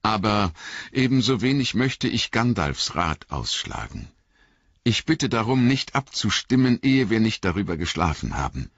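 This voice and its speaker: A man's voice: lowish voice, sing-song, normal speed, a bit bright, dry recording, highs cut off, voice pushed up, heavily acted. A man voicing a thoughtful, hesitant young male hobbit who speaks carefully.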